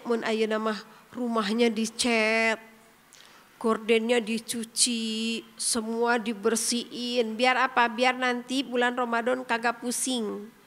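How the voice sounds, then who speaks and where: A woman's voice: on the high side, fairly bright tone. A woman giving an emphatic sermon to a women's study group, asking rhetorical questions. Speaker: religious teacher. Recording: echoey hall with long reverb.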